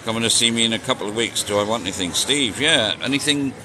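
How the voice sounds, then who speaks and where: A fast-talking man in his sixties with a mid-range voice runs a casual live stream as he rides through city streets. The vlogger jokes and answers questions from viewers, all captured in a noisy outdoor recording with traffic and street noise around him.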